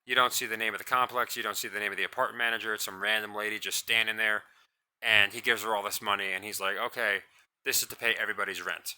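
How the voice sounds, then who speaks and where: Speaking quickly in a lowish voice, a commentary channel host rants by himself with blunt scorn. He rambles, restarts his sentences, and labels his own voice monotonous.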